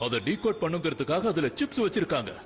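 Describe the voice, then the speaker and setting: A man dubbing a cartoon as an excitable older professor who lectures eagerly about his theories. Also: fairly high pitch, fast, soft background music. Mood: eager lecturing. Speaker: dinosaur researcher. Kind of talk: Tamil cartoon dub.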